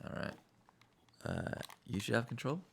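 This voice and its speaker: A man's voice: mid-range voice, sing-song, a little slow, gravelly, background noise. A man co-hosting a game stream, joking, swearing casually and humming tunes. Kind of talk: casual gameplay chat. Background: game music.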